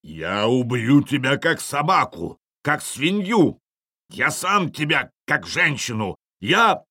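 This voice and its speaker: Man playing enraged jarl, shouting threats, blustering. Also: medium pitch, big pitch swings, slow, husky, no echo, clean studio sound, pitched above the performer's own voice, heavily acted. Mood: furious.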